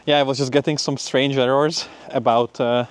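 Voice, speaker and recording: A young adult man, a PhD student vlogger, gives an informal, upbeat update about his week in a conversational spoken vlog. His voice is medium-pitched, smooth and steady, at a moderate pace.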